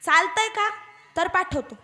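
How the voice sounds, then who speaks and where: A woman speaking as God, calmly and kindly telling a soul he must take another body. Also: extremely high pitch, a little slow, full character voice. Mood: amused.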